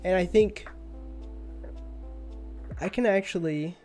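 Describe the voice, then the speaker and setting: A man's voice: high-pitched, slow, darkish tone. A young man chatting casually on a livestream, drowsy and rambling, often trailing off mid-thought. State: sleepy. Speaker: streamer. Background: faint music.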